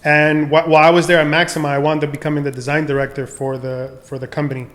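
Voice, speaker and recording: A young adult man from the Dominican Republic, a podcast guest telling his career story in a relaxed, rambling way with many fillers and restarts. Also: on the high side, quick pace. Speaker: podcast guest, designer and entrepreneur. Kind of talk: casual conversational storytelling.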